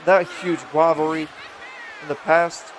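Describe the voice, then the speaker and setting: A man's voice: on the high side, little pitch movement, measured pace. A man giving emphatic live wrestling commentary, exclaiming at the action as he calls it. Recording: loud event crowd and noise. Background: crowd and arena noise.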